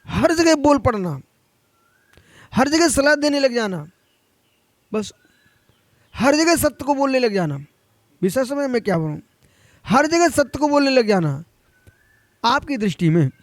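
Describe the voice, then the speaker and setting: A Jain monk with a notably high voice gives a sermon, admonishing and urging his listeners directly, very animated but at a measured pace with frequent pauses. His pitch rises on emphatic points, and the recording is dry and close with no room echo.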